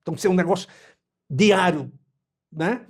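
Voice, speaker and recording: A man in his eighties from Brazil, speaking as an interview guest in a measured, reflective way and quoting scripture and proverbs. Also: high voice. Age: 80s. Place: his home.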